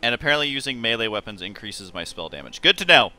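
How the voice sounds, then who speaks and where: A man giving casual, excitable and jokey gameplay commentary as he hosts a livestream. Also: medium pitch, quick pace, poor audio. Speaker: livestream gamer host. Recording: faint game noise behind.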